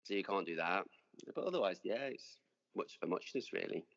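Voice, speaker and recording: A man's voice: deep voice, expressive, normal speed, creaky, fairly bright tone, big-room sound, highs cut off. A man, a dentist being interviewed, talking in a chatty, rambling way with many restarts. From English Midlands. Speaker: dentist guest. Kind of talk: casual interview.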